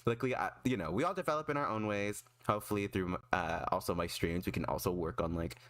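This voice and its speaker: A man chatting casually on a livestream in an excitable, emphatic, self-deprecating way. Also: deep voice, fast talker, dry recording. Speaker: streamer and artist.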